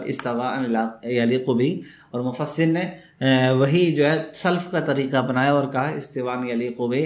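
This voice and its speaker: Guy giving a religious text lesson, reads arabic bits then explains, kinda high voice, roomy echo. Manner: reads Arabic text then explains in Urdu, often checking "theek hai". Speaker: Quran commentary teacher. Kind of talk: classroom Quran exegesis lesson. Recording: echoey room.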